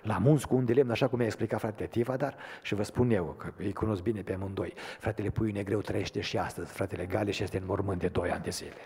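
A man preaching a sermon in a church, moving from quiet storytelling to loud, emphatic preaching. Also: on the low side, gravelly, hardly any pauses, slight background noise. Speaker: Pentecostal preacher. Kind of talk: sermon with personal testimony. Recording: long hall reverb.

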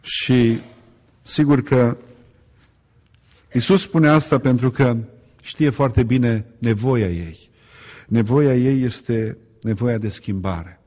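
A man's voice: mid-range voice, long pauses, mellow. A man preaching a sermon, addressing the congregation with rhetorical questions and building emphasis by repeating phrases. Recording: long hall reverb.

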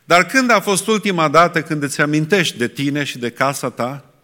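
Man preaching in an echoing hall. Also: fairly high pitch. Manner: earnest, rhetorical questions, varies loudness. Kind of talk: sermon.

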